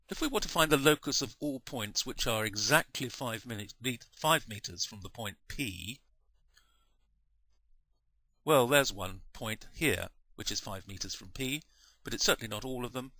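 A maths teacher explains a lesson over diagrams, patient and measured, stopping now and then to fix his own slips. His mid-range voice is bright and clear. The sound is close and dry, with no room sound at all.

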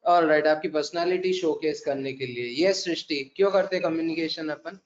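A man's voice: a little high, fairly quick. A man with an Indian accent teaching an interactive classroom lecture, mixing Hindi and English, joking and quizzing students by name. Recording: echoey room, dull conference recording.

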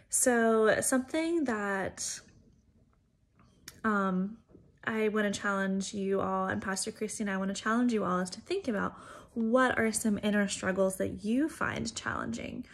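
Chatty woman giving a devotional. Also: mid-range voice. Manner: chatty and conversational, with frequent fillers. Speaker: educator giving a church devotional. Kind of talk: informal devotional talk.

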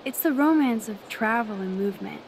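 A shy young woman photographer with a soft, earnest voice, pitched a little high. Her nervous, careful tone comes through game audio under a faint hiss. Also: animated, brisk. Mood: wistful. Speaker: playable character. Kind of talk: video game voice acting.

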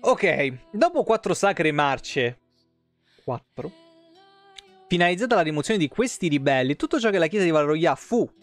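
Over faint music in a small room at home, a streamer reads game lore in a fairly high, sing-song voice at a moderate pace, recorded dry. He keeps it colloquial and sweary, occasionally stumbling and then correcting himself.

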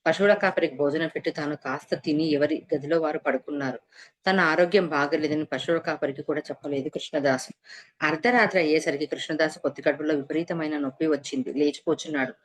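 A woman narrating a devotional story in a steady, measured reading voice. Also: low voice. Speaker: reader of a devotional serial. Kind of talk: scripted narration.

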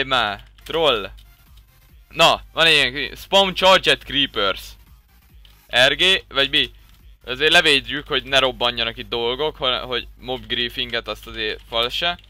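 Excitable young man with bright voice. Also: mid-range voice, no room sound. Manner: excitable, bursts into loud swearing exclamations. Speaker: Minecraft server streamer. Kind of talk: casual gameplay commentary.

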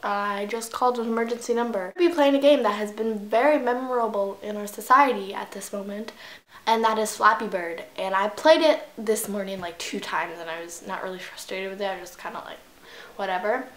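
A young woman vlogging as she plays a phone game, animated, squealing at the game and muttering between taps. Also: mid-range voice, fairly quick. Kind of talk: casual gaming vlog. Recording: echoey room with faint noise.

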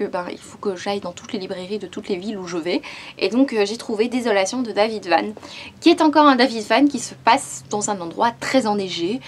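Book vlogger, woman, slightly high pitch, casual and halting with many fillers. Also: slight background noise. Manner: chatty and hesitant, with frequent fillers. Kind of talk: casual book haul chat.

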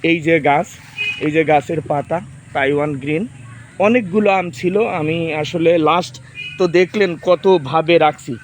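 High-voiced man in his thirties chatting outdoors. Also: unhurried, a little hiss or hum. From Bangladesh. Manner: chatty, explains while directing children. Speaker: farming vlogger. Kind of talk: casual outdoor demo chat.

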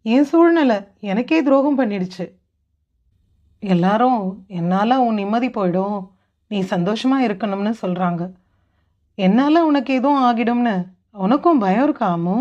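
A woman's voice: fairly high pitch, lively intonation, a little slow, long pauses, darkish tone, lo-fi sound. A woman voicing a grief-stricken young man who pleads in sorrow, read as part of an audiobook. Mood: grieving, pleading.

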